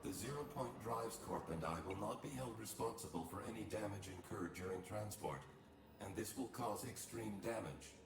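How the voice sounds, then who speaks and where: A distant, echoing male ship computer from a sci-fi game, stern and bound by rules. The voice is gravelly and stiffly formal, with an officious disapproval. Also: on the low side, normal speed. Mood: stern warning. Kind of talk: scripted video game acting.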